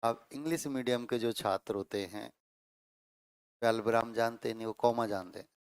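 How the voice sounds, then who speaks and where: A middle-aged man teaching Hindi grammar to a class, explaining slowly, repeating phrases and checking in with his students. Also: medium pitch, smooth, no echo, studio quality. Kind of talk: classroom lecture.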